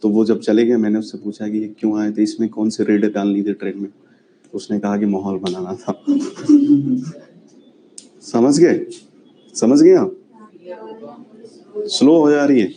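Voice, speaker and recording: Dark-voiced man teaching a class. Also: lowish voice, steady tone, a little fast, a little hiss or hum, rough recording. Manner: chatty, asks students questions often. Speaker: history teacher. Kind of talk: classroom lecture.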